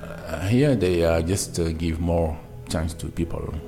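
A low, deep male voice with a Senegalese accent gives informal interview answers. He speaks English as a second language and pauses to search for words. Music plays clearly behind him. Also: warm tone. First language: not English. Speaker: interviewee, migrant worker.

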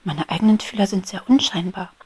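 A woman voicing a shy, eager little female bee in a whispered storybook role-play, speaking softly. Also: medium pitch, fairly quick, breathy edge, no room sound. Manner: soft-spoken, delighted exclamations.

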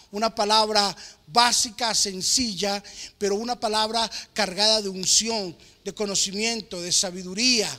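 A man preaching as a pastor, emphatic with slow, drawn-out phrases. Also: sits high, sharp tone. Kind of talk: sermon. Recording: long hall reverb.

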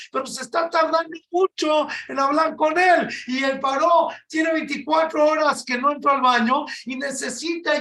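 Animated high-voiced male rabbi preaching. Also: reverberant. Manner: animated, rising to shouts for emphasis, many rhetorical questions. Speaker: rabbi giving a Torah talk. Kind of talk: sermon.

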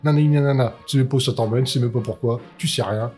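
A man's voice: medium pitch, steady tone, fast, darkish tone, soft background music. A man in a casual podcast chat, rambling and exasperated, with many restarts and swearing.

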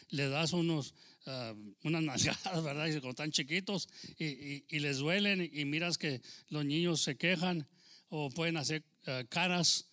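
A man's voice: a little high, a bit bright. A man from Texas with a Texan Spanish accent preaching a sermon in church, fervent and rising in volume when quoting scripture, with frequent amens. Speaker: pastor.

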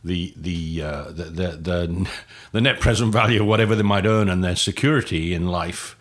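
Husky, very deep-voiced older man. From Wales. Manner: halting, many restarts and fillers. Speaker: guest. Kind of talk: casual interview answers.

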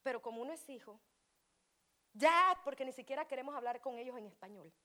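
A woman preaching a fervent sermon at a church service. She swings from shouting to hushed pleading and breaks into speaking in tongues. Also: high-pitched, expressive, brisk. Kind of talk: Pentecostal sermon.

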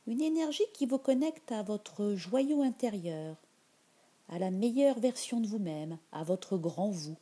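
A woman leading a guided meditation in a soft, soothing voice that drifts into whispers. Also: lowish voice, husky.

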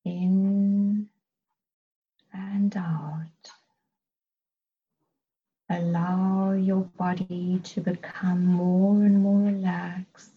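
A woman guiding a healing meditation in a soft, soothing voice, sometimes whispering her breath cues. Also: medium pitch, slightly rough, highs cut off. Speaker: meditation guide.

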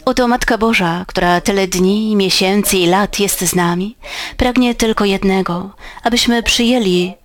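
A woman preaching a sermon in a measured, earnest way, her voice rising for emphasis. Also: medium pitch.

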